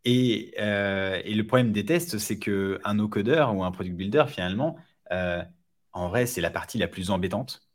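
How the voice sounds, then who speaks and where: Male podcast guest, low-pitched, casual and hesitant, lots of fillers and restarts. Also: moderate pace. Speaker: startup founder guest.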